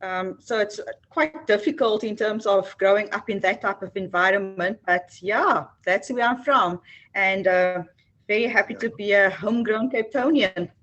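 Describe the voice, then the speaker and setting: A woman's voice: medium pitch, normal speed, fairly bright tone, lo-fi sound. A South African woman, an HR executive, answering interview questions earnestly with frequent ums and restarts. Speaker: HR executive, guest.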